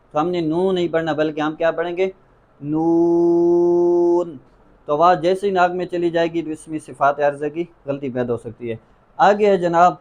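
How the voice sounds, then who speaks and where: A man's voice: on the high side, a little mellow. A man teaching Quran pronunciation, patiently repeating each letter and drawing the sounds out in a half-sung way. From Pakistan. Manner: patient, drills letters by repeating them slowly. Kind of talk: tajweed pronunciation lesson.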